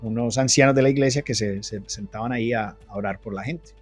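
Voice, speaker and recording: A man's voice: mid-range voice, fast talker, faint music behind. Man telling his testimony. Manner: earnest storytelling, frequent restarts. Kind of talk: personal testimony in an interview.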